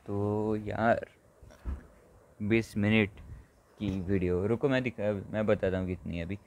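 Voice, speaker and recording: A man giving casual live commentary on a mobile football game, excitable and exclaiming often as he talks to his viewers like friends. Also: on the low side, unhurried, slight background noise. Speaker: gaming channel host.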